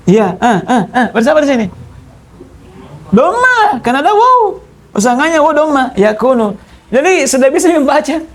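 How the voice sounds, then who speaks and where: This male teacher's voice is extremely high, with big swings in pitch, and he talks at a normal speed. Giving a classroom grammar lecture, he breaks things down step by step, repeats the key terms, and often makes sure his students understand.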